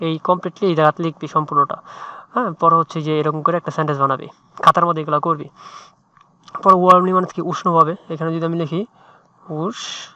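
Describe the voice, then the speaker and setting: A man's voice: on the high side, bright, forceful tone, no room sound. A man tutoring English in a chatty, informal way, often checking in with "right?". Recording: muffled dry lo-fi mic.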